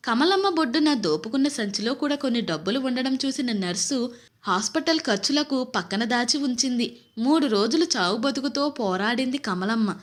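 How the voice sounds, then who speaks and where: Higher-voiced Telugu woman storyteller. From Amalapuram, Andhra Pradesh. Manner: steady, expressive storytelling. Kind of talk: moral story narration.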